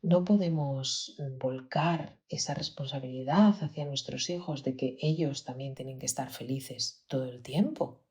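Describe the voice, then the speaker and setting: A woman with a Peninsular Spanish accent and a strikingly low, deep voice, hosting a podcast. She tells a personal story in an earnest, reflective way. She often sinks to a near-whisper. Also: measured pace, few pauses, a little mellow. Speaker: podcast host, pediatrician.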